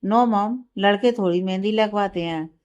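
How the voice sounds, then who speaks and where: A woman's voice: medium pitch, normal speed, darkish tone, highs cut off, lightly acted. A woman doing a cheeky young groom protesting. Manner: whiny, playful protest.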